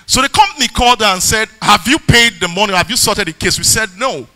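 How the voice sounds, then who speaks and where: A man preaching a sermon, telling a testimony and reading scripture, rising into shouted, sing-song emphasis. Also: high voice, animated, brisk.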